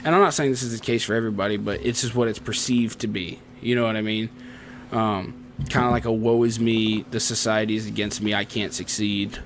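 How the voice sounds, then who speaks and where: A man's voice: fairly low pitch, steady tone, brisk, a little hiss or hum. A young man with a Southern country accent, chatting loosely as podcast co-host and often asking "you know what I mean". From Tennessee. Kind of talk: casual chat.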